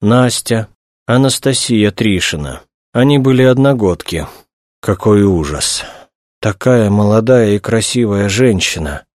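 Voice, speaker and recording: A man's voice: on the low side, expressive, measured pace, no room sound, clean studio sound, voice pushed up. A man reading aloud, voicing a fussy older male official who speaks in a plaintive, exclaiming way. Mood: lamenting.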